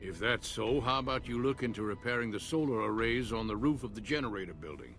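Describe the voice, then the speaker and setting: A man's voice: lowish voice, lively intonation, fast talker, a bit bright. Grumpy old man from a video game. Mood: gruff, weary. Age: older. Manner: grumpy, sarcastic, folksy. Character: gruff old man, grumbling settlement mechanic. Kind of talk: video game character dialogue.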